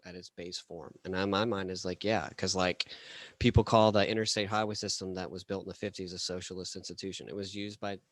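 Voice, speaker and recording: Male co-host, lowish voice, casual halting ramble, dry close mic. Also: flat delivery, dry recording. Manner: rambling, halting, many fillers. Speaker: podcast co-host. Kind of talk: casual chat.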